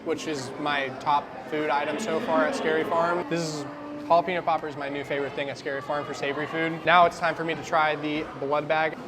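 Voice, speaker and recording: A man's voice: fairly high pitch, flat delivery, a little fast. A man giving a casual, informal food review in the manner of a vlogger, thinking his opinions through aloud. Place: outdoors at a theme park. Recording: outdoor vlog with clear music behind. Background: music and outdoor park sounds.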